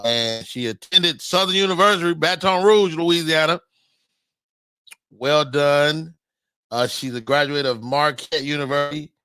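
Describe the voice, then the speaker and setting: A man hosting a casual interview show, joking and excitable, often tripping over his words. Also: fairly high pitch, smooth, dry recording, studio quality. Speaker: host.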